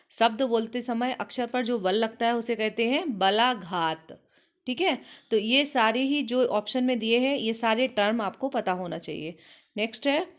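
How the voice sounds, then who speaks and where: A woman with a slightly high voice teaches an online exam-prep lesson over dull audio. She works through questions and explains each one step by step, checking in often. Her delivery is explanatory, and she says "ठीक है" again and again.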